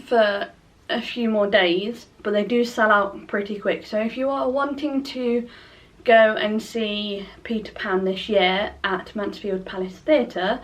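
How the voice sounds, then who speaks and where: Recorded from a distance, a young vlogger from Nottingham, England, rambles casually by a window at home, full of fillers. She speaks slowly in a steady, mid-range voice.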